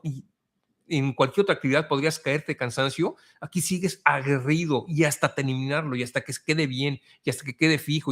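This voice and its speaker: A middle-aged man, an immigration consultant chatting casually and reading viewer comments, speaking with passion and stacking emphatic repeated lists. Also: fairly high pitch.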